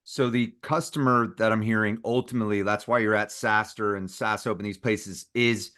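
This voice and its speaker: A man hosting a business interview show, asking questions in an energetic way with quick asides. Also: on the low side. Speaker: podcast host.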